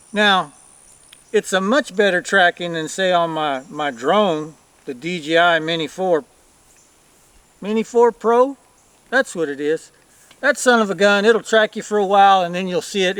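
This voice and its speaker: A man's voice: sits high, fairly bright tone, smooth, dry recording. A man giving a casual, plain-spoken video review as a rancher, recorded outdoors.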